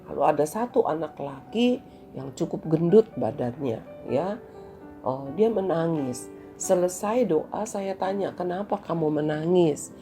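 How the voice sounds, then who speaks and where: A woman who used to teach gives a children's daily devotional talk, gently telling a story. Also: fairly low pitch, expressive, measured pace, faint music behind. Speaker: devotional speaker and former teacher.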